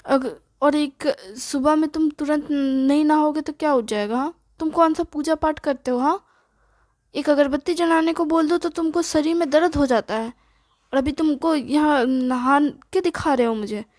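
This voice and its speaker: A woman's voice: sits high, darkish tone, dry recording, close to an everyday voice. A woman voicing a nosy middle-aged mother who scolds and fires off questions at her son. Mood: scolding. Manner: scolding, rapid-fire questioning. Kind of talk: storytelling dialogue.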